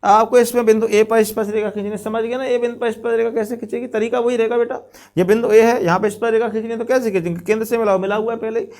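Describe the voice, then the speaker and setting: A man's voice: very high-pitched, steady tone, very fast, darkish tone. A man teaching a school geometry lesson step by step, repeating key phrases and addressing students as his children. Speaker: math teacher. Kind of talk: classroom lesson on geometry constructions.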